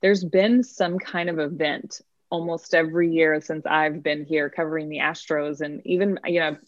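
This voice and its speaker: A woman's voice: sits low, steady tone, normal speed, no echo, dull audio. A woman with a Texas accent, a baseball field reporter, speaking proudly in a casual podcast interview and often repeating words as she starts a sentence.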